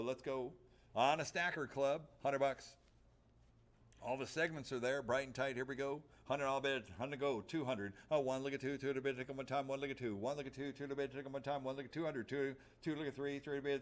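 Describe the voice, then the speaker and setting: A man working as an auctioneer, chanting bids in a rhythmic, repetitive patter of numbers and stock phrases. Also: medium pitch.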